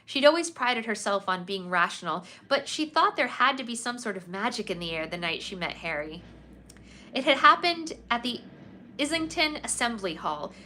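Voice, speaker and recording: A woman's voice: a little high, sharp tone, slight background noise. A woman reading a novel aloud for a live book club, chatty between passages. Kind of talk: live read-aloud with chat.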